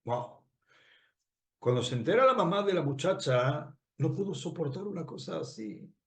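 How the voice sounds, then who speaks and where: A man with a high, light voice tells a long moral story as a rabbi preaching. He talks in an animated way, repeats phrases and puts rhetorical questions to his listeners. The sound rings in an echoey room. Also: moderate pace. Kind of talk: storytelling sermon.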